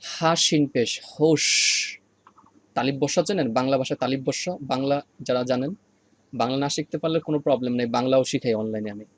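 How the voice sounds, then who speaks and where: A man teaching an online Quran reading lesson, patiently repeating each sound slowly for practice. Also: mid-range voice.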